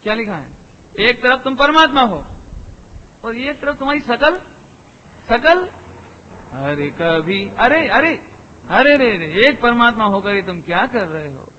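High, bright-voiced male preacher in a hall. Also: sing-song, a little slow, pauses often, a little hiss or hum. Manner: rhetorical questions to the audience; repeats phrases for emphasis. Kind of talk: sermon. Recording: long hall reverb, dull lo-fi sound.

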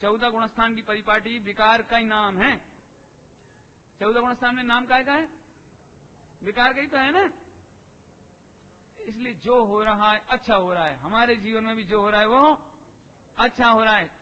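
A man preaching a sermon to an assembly, lively and full of rhetorical questions to his listeners. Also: very high voice, normal speed, pauses often. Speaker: Jain preacher. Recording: echoey hall, dull lo-fi sound.

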